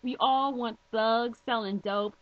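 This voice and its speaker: A woman's voice: on the high side, fairly even intonation, slow, dry recording. Woman vlogger going off straight to camera, blunt and pointed, dull muffled lo-fi audio. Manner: pointed rhetorical questions, blunt and emphatic. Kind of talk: direct-to-camera response video. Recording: dull lo-fi home video audio.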